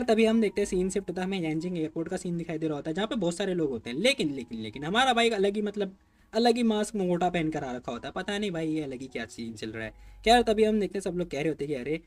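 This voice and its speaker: A man's voice: high-pitched, darkish tone. A man telling a comic's story in a casual, chatty way, talking straight to his viewers. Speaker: manhwa recap narrator.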